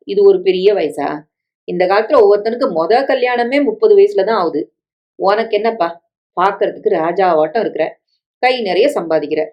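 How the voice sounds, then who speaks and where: A woman's voice: medium pitch, muffled recording, natural voice. A woman voicing a scheming middle-aged stepmother who coaxes, pleads and guilt-trips, in a story reading with dialogue. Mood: pleading. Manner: coaxing, pleading, guilt-tripping.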